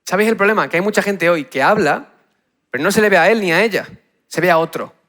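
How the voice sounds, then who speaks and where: A man with a Spain Spanish accent delivers an energetic youth talk. His voice sits a little high, and his phrasing is punchy and direct. He keeps checking in with his listeners. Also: quick pace. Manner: punchy, asks the crowd "¿sí?" over and over. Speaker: youth speaker.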